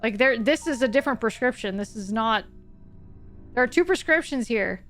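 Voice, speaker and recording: A woman horror game streamer giving chatty, expressive, informal live commentary. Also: fairly high pitch, moderate pace, faint music behind.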